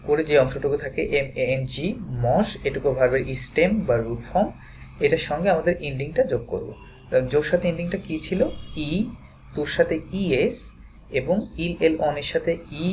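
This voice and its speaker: A man teaching a French lesson, slowly and patiently repeating verb forms aloud. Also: on the high side, slight background noise. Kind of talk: classroom lesson.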